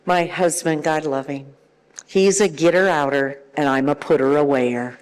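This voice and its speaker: Older woman lecturing in an echoing hall. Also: deep voice. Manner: warm, chatty, acts out parents and children. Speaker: workshop trainer. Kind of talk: lively workshop lecture.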